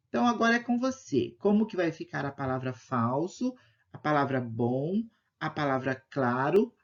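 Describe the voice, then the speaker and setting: Slow, low-voiced teacher woman. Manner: slow, patient, sing-song teacher's voice. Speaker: primary school teacher. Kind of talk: recorded lesson for children. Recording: dull lo-fi home recording.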